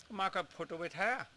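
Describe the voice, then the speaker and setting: In a reminiscing interview, a monk with a high, bright, forceful voice recounts his memories earnestly and emotionally, slipping in English phrases. There's slight background noise.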